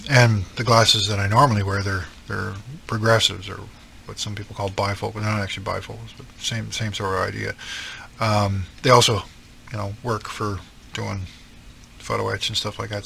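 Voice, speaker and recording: Over slight background noise, a fairly low, sharp-toned man speaks in a casual chat as host of a scale modelling channel. He is middle-aged with an East Coast Canadian accent, rambling about his hobby with frequent ums and self-deprecating asides.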